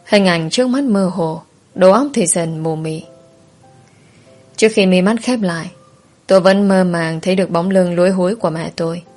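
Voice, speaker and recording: A woman narrating a first-person story in a slow, soft, somber way. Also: fairly low pitch, faint music behind.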